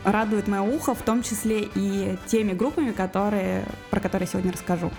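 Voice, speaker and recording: A woman's voice: medium pitch, fairly even intonation, brisk, a little mellow. A woman guest on a radio show, talking casually about music with lots of fillers and restarts. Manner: hesitant, many fillers and restarts.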